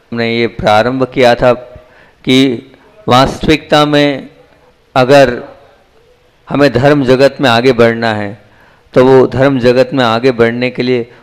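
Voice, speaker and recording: A man giving a spiritual sermon as a monk, putting questions to his listeners and then answering them. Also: clean tone. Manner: asks the audience questions and answers them himself; acts out dialogue in a story with shifting pitch. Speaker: Jain monk giving a discourse.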